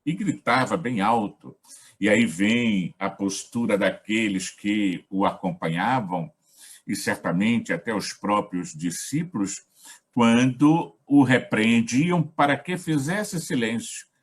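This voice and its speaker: Low, husky Brazilian man giving a reflective talk. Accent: Brazilian Portuguese. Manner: measured, reflective, pauses in short phrases. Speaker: facilitator of a gospel study.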